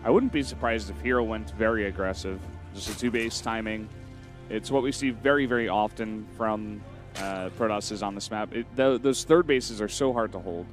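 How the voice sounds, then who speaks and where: A man's voice: lowish voice, normal speed, faint music behind. Analytical male esports co-caster. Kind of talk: game commentary.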